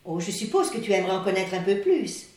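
A woman voicing a talking female sea turtle who lives in a castle, calm, questioning and a little weary, recorded in an echoey room with the mic far off. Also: medium pitch, quick pace, pitched below the performer's own voice, natural voice. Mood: wary.

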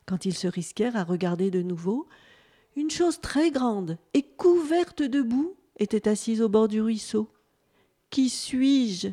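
A woman presenting a children's picture book and then reading it aloud with gentle, expressive storytelling. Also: on the high side, unhurried.

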